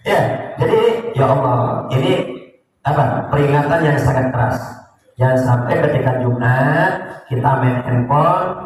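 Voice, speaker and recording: A man giving a lively, teasing sermon lecture in a mosque, often putting questions to the congregation. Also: fairly high pitch, slight background noise. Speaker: ustadz teaching a kitab study. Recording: echoey mosque hall from far off.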